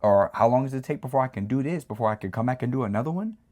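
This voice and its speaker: A man's voice: medium pitch, lively intonation, rapid-fire, dark tone. A man hosting his own channel, giving a rambling, casual motivational talk and often checking in with the listener. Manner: rambling, repeatedly asks "right?". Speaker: channel host.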